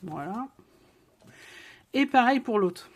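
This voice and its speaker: A woman's voice: fairly high pitch, animated, slow pace. A woman hosting a casual craft tutorial, chatting as she works and checking in with viewers as she goes. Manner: chatty, talks straight to viewers with frequent check-ins. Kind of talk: casual step-by-step craft demonstration.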